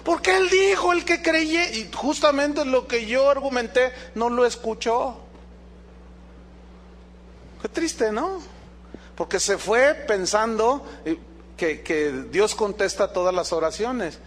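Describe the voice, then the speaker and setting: A man preaching a sermon as pastor, animated, asking the congregation rhetorical questions and acting out dialogues. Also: very high voice, slow pace, pauses often, slight background noise.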